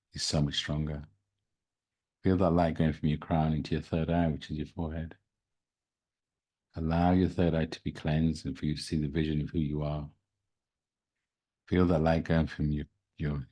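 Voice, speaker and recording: A man speaking as a spiritual host, leading a guided meditation in a gentle, soothing, unhurried manner. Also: very deep voice, slightly rough. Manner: slow, soothing, gentle delivery. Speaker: podcast host and spiritual reader.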